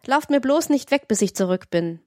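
A woman reading aloud and voicing a jumpy, careless young male carter in an audiobook excerpt, with an excited, insistent delivery. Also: sits high, normal speed, dry recording, clean studio sound, voice pushed up. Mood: cheeky.

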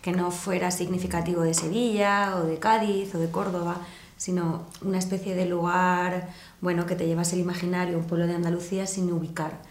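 Lively woman in an echoey room. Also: lowish voice, fairly quick. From Murcia. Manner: lively, laughs often, thinks aloud with restarts. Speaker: actress in a series interview. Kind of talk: casual interview talk.

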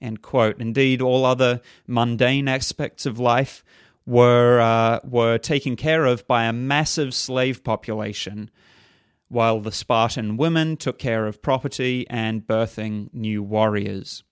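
A man presenting a scripted program on religious history, measured in manner, reading quotations aloud. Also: medium pitch, steady tone, smooth, no echo, clean studio sound.

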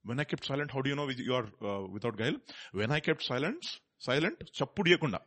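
Male preacher, Indian accent, husky and highly animated, teaching scripture through repetition and rhetorical questions. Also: racing. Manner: rhetorical questions and repeated phrases for emphasis. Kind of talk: expository sermon with question and answer.

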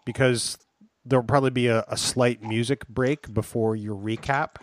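A man's voice: medium pitch, fairly even intonation, normal speed, no room sound. A man co-hosting a podcast, teasing his partner dryly and steering the recording. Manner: dry, teasing, directs the recording. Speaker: podcast co-host. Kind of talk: casual podcast chat.

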